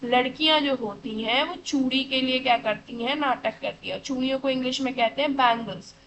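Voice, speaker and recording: A woman's voice: high voice, brisk, a bit bright, a little hiss or hum, poor audio. A woman teaching children, asking questions and answering them herself, addressing them fondly and checking they follow. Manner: calls listeners beta, keeps checking with "theek hai". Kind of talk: classroom lesson for children.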